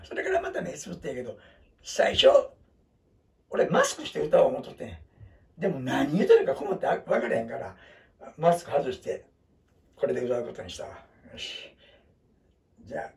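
Recorded from a distance, this male vlogger in his seventies speaks with a slightly high voice touched by vocal fry and a Kansai Japanese accent. Chatty and self-deprecating, he rambles casually to his viewers, cracking jokes and laughing.

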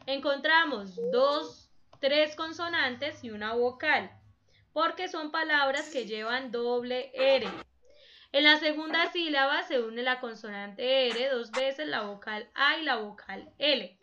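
Woman, schoolteacher, patient, questioning, slow, muffled lo-fi sound. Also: high voice, bright, forceful tone. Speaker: primary school teacher. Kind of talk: online class explanation.

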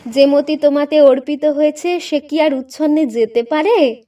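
A woman's voice: high voice, normal speed, mellow, recorded from a distance, natural voice. Woman voicing a teasing old husband. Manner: wry, bantering. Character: teasing elderly husband, joking and evasive.

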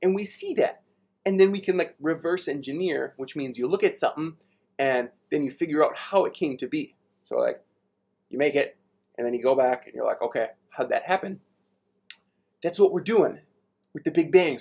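A young science teacher leads a live online space class for kids at a whiteboard, chatty and playful. He explains big ideas through everyday examples in a slightly high, somewhat mellow, slightly rough voice.

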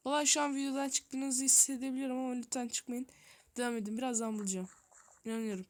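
Her voice sits high and comes out flat and fast as this female gaming YouTuber narrates her gameplay. She thinks aloud, addresses her audience directly, and mutters flusteredly to herself along the way.

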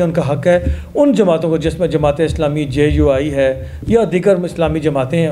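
Earnest Pakistani man with mellow voice. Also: fairly high pitch, a little hiss or hum. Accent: Pakistani Urdu. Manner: earnest, appealing, gestures with his hands. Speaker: news commentator. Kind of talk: commentary to camera. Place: studio.

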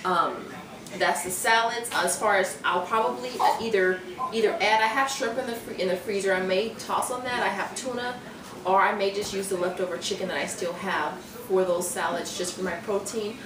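In her home kitchen, a young woman who vlogs about fitness talks through her meal prep at a moderate pace, with medium pitch and fairly even intonation. Her chat is casual and full of fillers and restarts. A camera sitting a few feet away on the counter picks her up, giving roomy, distant, noisy sound.

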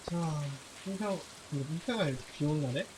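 Lower-voiced woman streamer, swearing chatter. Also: normal speed, background noise. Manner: rambling self-talk with casual swearing. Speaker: game streamer. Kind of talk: live game commentary.

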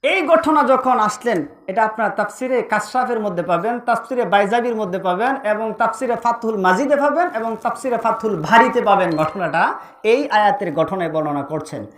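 A man's voice: high-pitched, expressive, moderate pace, fairly bright tone. A male preacher, telling a story in a melodic, sing-song chanted sermon. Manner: melodic sing-song delivery, rising and falling. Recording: roomy echo.

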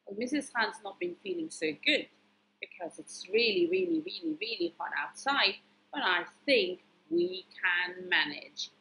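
A woman's voice: fairly low pitch, very animated, unhurried, vocal fry, bright, forceful tone, slight background noise, rough recording. A woman reading a picture book aloud to children, pointing out the pictures and asking them questions.

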